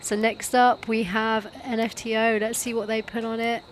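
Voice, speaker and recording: A woman's voice: a little high, level tone, normal speed, noisy background. A woman commentating live on a sport event in a chatty, joking way, often thinking aloud.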